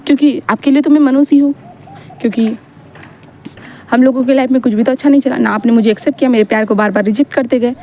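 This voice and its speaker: A woman's voice: a little high, fairly even intonation, quick pace, dark tone, slight background noise, lightly acted. A woman voicing a cheeky young male student who pleads and protests in whiny questions.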